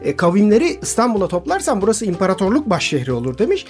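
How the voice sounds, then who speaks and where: A woman's voice: medium pitch, racing, soft background music. A woman from Istanbul, a touring cyclist, telling travel stories as a guest in a radio interview and speaking straight to her listeners. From Istanbul, Turkey. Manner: lively anecdotal storytelling, addressing listeners directly.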